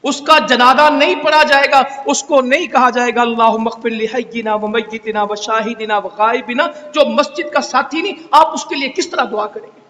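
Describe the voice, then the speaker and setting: A man's voice: extremely high pitch, fairly even intonation, moderate pace, pushed and bright. A man preaching a Friday sermon in a mosque, scolding and exhorting with rhetorical questions. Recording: echoey hall reverb.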